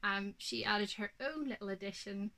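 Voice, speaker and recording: Speaking from her craft room indoors, a thirty-something woman with a Northern Irish accent shows off her knitting in relaxed, unhurried chat for her podcast. Her voice is mid-range, bright and forceful, with some vocal fry. She's slightly snuffly from hay fever and says um a lot.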